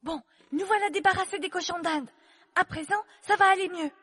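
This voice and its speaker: A woman's voice: very high-pitched, fairly quick, pushed and bright, big-room sound. A woman playing a polite, curious young girl, earnest and well-mannered, in a storybook audio drama.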